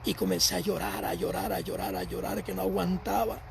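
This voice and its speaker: Male lay preacher, high and gravelly, sermon testimony with repeated phrases, faint noise behind. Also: sing-song, fairly quick.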